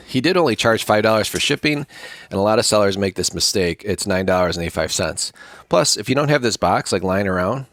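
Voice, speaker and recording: Deep-voiced man chatting over an unboxing. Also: fairly bright tone, no echo, clean studio sound. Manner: rambling, chatty, thinks aloud with many fillers. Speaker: coin collecting vlogger. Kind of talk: casual unboxing talk to camera.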